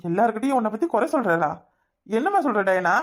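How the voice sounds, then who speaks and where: A woman's voice: on the high side, very animated, fast talker. A woman with a southern Tamil village dialect voicing a middle-aged village husband who coaxes and then grows indignant in a cartoon. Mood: coaxing. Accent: southern Tamil Nadu village dialect. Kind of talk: cartoon voice acting.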